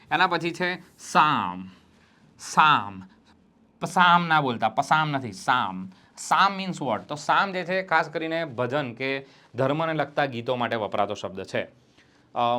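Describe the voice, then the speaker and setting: A man's voice: medium pitch, fairly bright tone. Man drilling English pronunciation. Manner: repeats words slowly for pronunciation drills; addresses students directly, explaining step by step. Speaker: English teacher. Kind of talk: classroom-style grammar lesson.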